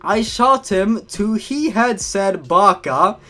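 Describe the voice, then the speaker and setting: A man's voice: fairly high pitch, very animated, normal speed, soft background music. A man hosting a comedic reading of a badly written horror story, breaking in with sarcastic, mocking asides. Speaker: YouTube host. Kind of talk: comedic creepypasta reading with commentary.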